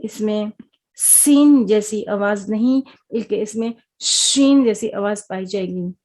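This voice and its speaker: A woman teaching Quran recitation, sounding out each syllable slowly three times and explaining the rules quickly in between. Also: medium pitch, darkish tone. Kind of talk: spelling-drill lesson with repeated syllables.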